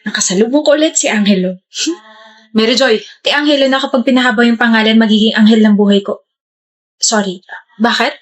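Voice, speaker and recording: A woman performing scripted comedy-skit dialogue in a playful, excitable way, with sudden shouts. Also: on the high side, a little fast, long pauses.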